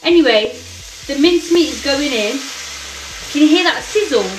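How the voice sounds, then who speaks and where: On a live cooking chat from her home kitchen, a young UK woman reads viewer comments and playfully calls them darling. Her high, expressive voice moves at a moderate pace, picked up by a distant mic amid kitchen echo, faint music, and sizzling.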